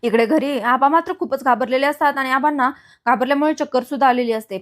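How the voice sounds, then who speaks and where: A woman's voice: high-pitched, fast. A woman narrating a recap of a TV serial in a casual storytelling way. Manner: steady retelling, small restarts.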